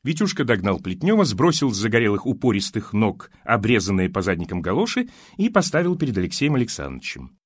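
A man narrating an audiobook in an expressive, wry storytelling manner. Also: fairly low pitch, fast, slightly rough, dry recording, clean studio sound.

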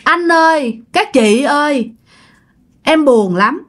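A heartbroken little girl's ghost, as a woman storyteller puts her on, speaking in a Southern Vietnamese accent. She pleads through tears in a raised, higher voice, full of reproach. Her lines rise and fall with hurt. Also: expressive, slow pace, a bit bright, exaggerated voice. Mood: tearful pleading. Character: grieving dead young girl's spirit, pleading.

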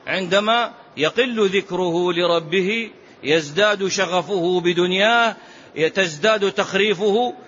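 Man teaching a religious lesson, high pitched, keeps asking listeners "ha?", slightly muffled lo-fi sound. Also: a little slow, fairly bright tone, slight background noise. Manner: explanatory, asks rhetorical "ha?" of listeners. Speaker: sheikh teaching a hadith book. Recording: slightly dull lo-fi recording.

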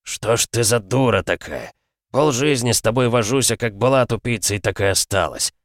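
A man voicing a cruel middle-aged father who snarls insults in a loud, raised voice. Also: medium pitch, expressive, normal speed, no echo, clean studio sound, voice pushed up, close to an everyday voice. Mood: contemptuous.

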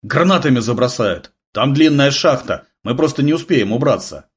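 A man's voice: medium pitch, animated, normal speed, close to an everyday voice. A man voicing a tough male major who barks short, curt orders in battle, in an audiobook. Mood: barking orders.

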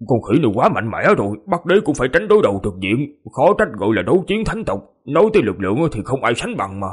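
A man's voice: medium pitch, very animated, fast, husky. A man voicing a male cultivator in the watching crowd of an audiobook, marveling aloud. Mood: awed.

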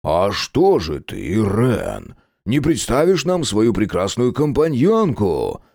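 A man's voice: lowish voice, wildly swooping pitch, slow, vocal fry, darkish tone, no room sound, studio quality, heavily acted. A man reading an audiobook, voicing a crude, bantering male friend with a theatrical manner. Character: brash joking male friend, crude charmer.

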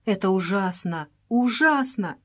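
A woman's voice: medium pitch, expressive, measured pace. A woman reading an audiobook voices a frightened young girl who pleads and cries out. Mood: terrified. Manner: pleading, crying out in terror.

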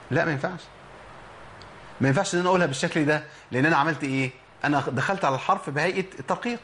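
A man's voice: on the high side, a bit bright, slight background noise. A man with an Egyptian Arabic accent teaching Quranic pronunciation, explaining step by step and answering his own questions. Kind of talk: instructional lesson on pronunciation.

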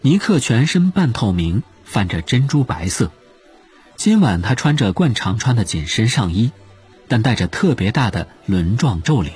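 A man narrating an audiobook as expressive scripted storytelling. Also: medium pitch, normal speed, husky, faint music behind.

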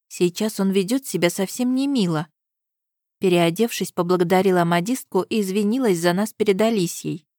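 A woman narrating a first-person audiobook in an even storytelling manner. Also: on the low side, no echo, studio quality.

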